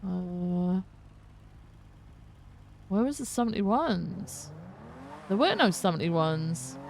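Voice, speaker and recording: A woman's voice: lowish voice, expressive, very slow, gravelly. A woman streamer playing a police officer, chatting casually and profanely while musing aloud during role-play. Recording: faint background noise.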